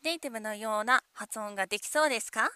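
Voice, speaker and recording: A woman whose first language is English, from California, patiently explaining English pronunciation in Japanese and demonstrating phrases slowly. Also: fairly high pitch, pushed and bright, clean tone, no room sound, clean studio sound.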